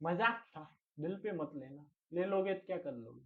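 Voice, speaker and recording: A high-pitched man runs an online exam-prep class, repeating each question and answer for his students. He cuts in with teasing jokes and scolding asides. The audio sounds dull and slightly muffled. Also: lively intonation, normal speed. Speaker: exam coaching teacher.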